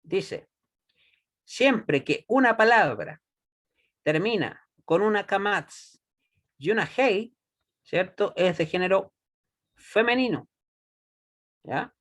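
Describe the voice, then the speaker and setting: A man teaching a Hebrew class, patient and deliberate, often checking that students follow. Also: high voice, animated, a bit bright. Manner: patient, checks understanding with frequent "¿ya?"; slow and deliberate, repeats words for students. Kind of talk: classroom lesson.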